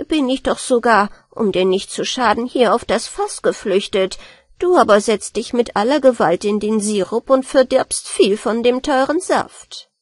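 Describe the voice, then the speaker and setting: A woman's voice: a little high, lively intonation, unhurried, no echo. Woman playing a sly cheeky storybook rat. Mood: sly innocent. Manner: cool, innocent, mocking.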